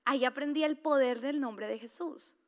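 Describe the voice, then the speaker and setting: A middle-aged woman pastor delivers an impassioned sermon in a high voice. She drops to near-hushed tones and then rises to loud, emphatic declarations. Her preaching is energetic and urgent. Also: normal speed. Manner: impassioned preaching with sudden swings from soft to loud. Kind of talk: sermon to a women's gathering.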